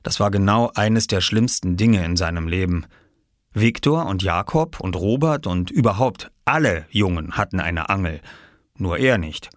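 Deep, expressive male storyteller. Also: moderate pace, no echo, studio quality. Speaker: narrator. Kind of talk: audiobook narration.

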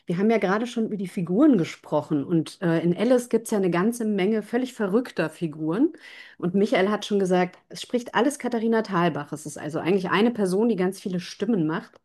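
A woman's voice: mid-range voice, a little fast, darkish tone. A woman hosting a live interview, asking questions and speaking to listening pupils. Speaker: host.

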